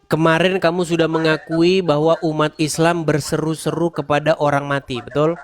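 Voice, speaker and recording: A man in a live online interfaith debate. He talks calmly and methodically, reads out verses and asks his opponent to confirm each point. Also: on the high side. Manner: calm, measured, keeps saying "tenang" (stay calm).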